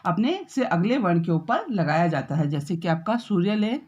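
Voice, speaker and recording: A woman's voice: fairly low pitch, big pitch swings, a little mellow, breathy edge, highs cut off. Woman teacher explaining Hindi grammar step by step. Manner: explains step by step with frequent "है ना" and "ठीक है" checks; drawn-out, slowed example words. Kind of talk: classroom grammar lesson.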